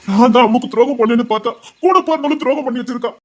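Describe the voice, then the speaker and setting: A man's voice: extremely high pitch, racing. A man acts out a remorseful young man who blames himself. His voice cracks as he pleads and sobs. It is an anguished, raw voice from a Tamil audio drama. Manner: pleading, choked, sobbing. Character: guilt-ridden young man, remorseful and sobbing.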